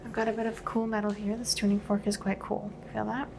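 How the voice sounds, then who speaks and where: A soft-spoken woman in an ASMR medical exam, acting as examiner and calmly explaining each step with gentle instructions. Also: mid-range voice, brisk, vocal fry, noisy background.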